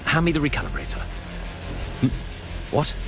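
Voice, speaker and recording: An actor playing an absent-minded, excitable engineering professor in a video game, scatterbrained and eager about his work. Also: on the high side, moderate pace, over music. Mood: distracted, flustered.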